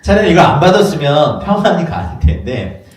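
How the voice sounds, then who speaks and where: Animated pastor in an echoey hall. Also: male voice, on the high side, normal speed. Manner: lively, acts out dialogues in playful voices. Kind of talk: sermon. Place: church hall. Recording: echoey room from far off.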